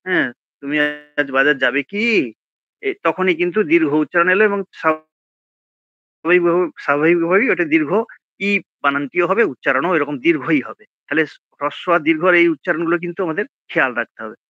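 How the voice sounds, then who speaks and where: Older man teaching in a hesitant, soft voice. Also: on the high side, dry recording, phone-quality sound. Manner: hesitant, many fillers, drops to a soft trailing voice; slows to demonstrate pronunciations. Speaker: Gita and Sanskrit teacher. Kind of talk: informal online lesson.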